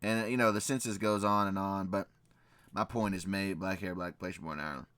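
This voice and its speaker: In his reaction video, a channel host reads from old records and scripture with casual, emphatic commentary, circling back to key phrases and frequently tossing in "right?" He speaks fairly quickly in a low, steady voice that is clear, resonant, and a bit bright, recorded without room sound.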